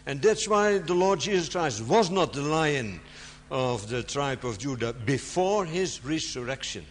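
A man preaching to an audience, stressing key words with sharp rises and sometimes pausing with fillers to find his words. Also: a little high, expressive, a little hiss or hum. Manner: halting, searches for words with fillers. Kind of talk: sermon. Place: large hall before an audience. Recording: long hall reverb.

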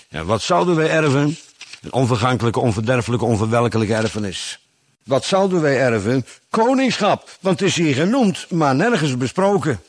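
A man delivers a Bible exposition sermon at a measured, teaching pace. His pitch swings widely as he stresses key words and poses rhetorical questions. The sound is dry and close, with little room echo. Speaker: preacher.

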